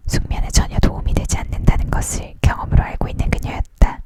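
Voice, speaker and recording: An ASMR reader narrates a book in a steady whisper. The delivery leans in toward the listener, with story narration and dialogue all kept hushed and unvoiced. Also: fast. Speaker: storyteller reading a book aloud. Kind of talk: whispered ASMR reading of a novel.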